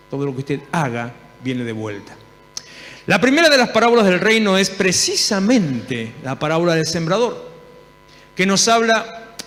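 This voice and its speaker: High-voiced Argentine preacher in a reverberant hall. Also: male voice, slight background noise. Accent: Argentine Spanish. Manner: lively storytelling, acting out dialogue. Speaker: pastor. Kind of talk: sermon. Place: church hall.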